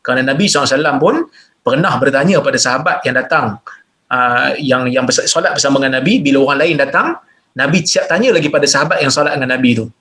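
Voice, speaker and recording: A man with a Malaysian Malay accent reading out listeners' questions and answering them in a religious Q&A lecture, explaining plainly and jumping up in pitch to stress points. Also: fast talker, pushed and bright. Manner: reads questions aloud then explains plainly.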